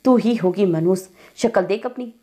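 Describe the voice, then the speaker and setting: A woman's voice: mid-range voice, normal speed, close to an everyday voice. A woman voicing a hot-tempered young woman who snaps indignantly at her sister. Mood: furious. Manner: sharp, snapping, indignant.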